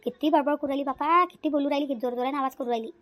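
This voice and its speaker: A woman's voice: high-pitched, rapid-fire, a bit bright. A woman voicing a gossiping village housewife in a cartoon, speaking. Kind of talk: cartoon voice acting.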